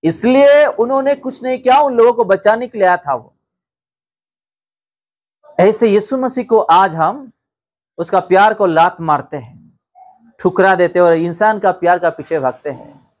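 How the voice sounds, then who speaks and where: A man's voice: sits high, a little slow, long pauses. A man preaching a sermon as pastor, asking the congregation rhetorical questions and telling stories. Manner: rhetorical questions, repeated calls of hallelujah; storytelling, addressing the congregation directly.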